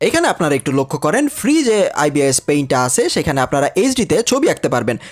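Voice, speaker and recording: A man with a Bangladeshi accent teaches an animation tutorial, addressing viewers in a chatty, direct way and repeating instructions for emphasis. His voice is a little high, very animated and rapid-fire.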